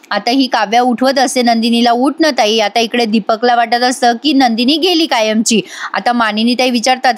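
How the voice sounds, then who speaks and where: Female recap vlogger with a high voice, dramatic storytelling that talks straight to the viewers. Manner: lively, dramatic, addresses viewers directly. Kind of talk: retelling a TV serial episode.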